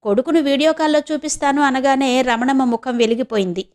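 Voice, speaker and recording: A woman from India narrating a novel as an audiobook. She reads at a calm, steady pace, her voice sitting fairly high. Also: quick pace.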